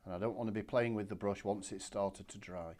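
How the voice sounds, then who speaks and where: A man, giving a relaxed, chatty step-by-step painting demonstration from his studio. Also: lowish voice, fairly quick. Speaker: watercolour art instructor. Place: home art studio.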